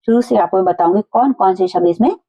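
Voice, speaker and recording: A woman teacher explaining a school lesson to children, going slowly and repeating each point in simple words. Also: mid-range voice, dark tone, muffled recording.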